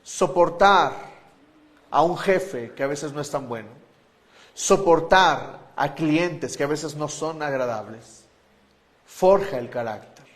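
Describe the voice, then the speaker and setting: Pastor preaching hard to his church, slightly high voice, loud one moment then quiet. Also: expressive, slow pace. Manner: emphatic preaching, swinging from loud to hushed. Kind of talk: sermon.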